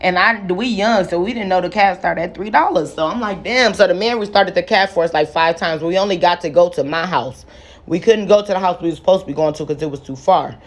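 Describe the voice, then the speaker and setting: A woman's voice: fairly low pitch, fast talker. Young woman telling a loose, slangy story. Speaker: vlogger. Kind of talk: casual storytime while doing hair.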